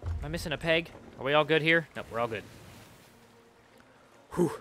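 A young man streaming a video game, excitably talking to himself as he plays. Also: on the high side, normal speed, a little hiss or hum. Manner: excitable, talks to himself while playing. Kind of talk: live gameplay commentary.

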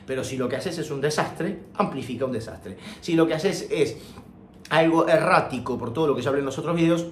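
A man teaches singing casually, chatting with playful, self-mocking asides. His voice sits in a middle pitch. It was captured on a phone in an echoey room with faint background noise. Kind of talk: casual vocal technique lesson. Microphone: phone microphone.

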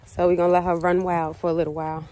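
A woman's voice: on the low side, little pitch movement, very fast, warm tone, slight background noise. A woman in her twenties chatting casually in a vlog, playful and laughing a lot. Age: 20s. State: out of breath. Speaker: vlogger. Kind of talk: casual chat.

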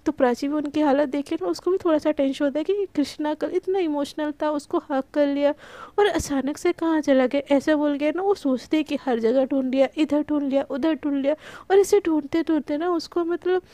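A hoarse woman tells a love story in a casual, filler-filled retelling. Her voice sits high but sounds mellow and dark. The recording is dry and close. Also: no room sound. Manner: breathless, many fillers, fast retelling.

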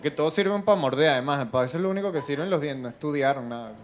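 A young man with a Venezuelan accent doing a stand-up comedy routine, animated and acting out other people's voices. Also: fairly high pitch, rapid-fire, crowd noise, background noise. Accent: Venezuelan Spanish. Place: live comedy stage with audience.

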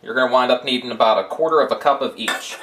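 A middle-aged man hosting a cooking show, calmly giving step-by-step recipe instructions in a home kitchen. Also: medium pitch, fast talker, slight background noise.

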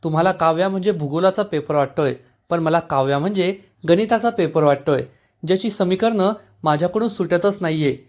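A man's voice: a little high, a little fast, lightly acted. A man reading out the lines of a puzzled young husband who asks earnest questions.

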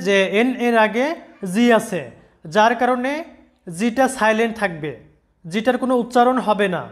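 A teacher giving a recorded pronunciation lesson, patiently repeating example words slowly and spelling out letters. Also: medium pitch.

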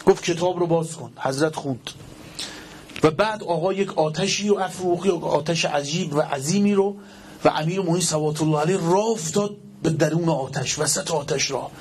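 Male preacher, higher voice, fervent sermon storytelling with acted quotes. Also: darkish tone, slightly rough.

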